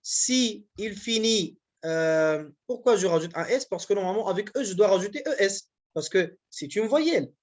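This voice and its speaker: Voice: mid-range voice, lively intonation, normal speed, hardly any pauses. A university language teacher, giving a grammar lesson in a patient, repetitive way and often checking that the class follows. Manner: patient, repetitive explaining with frequent check-ins.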